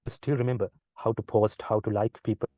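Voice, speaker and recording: A man's voice: fairly low pitch, level tone, a little fast, warm tone, dry recording. A man giving an online lecture from outdoors, his voice breaking up in a buffering stutter over a phone hotspot, explaining with many "uh" fillers. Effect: buffering stutter from a choppy mobile hotspot connection. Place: outdoors while traveling. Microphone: video call over a phone hotspot.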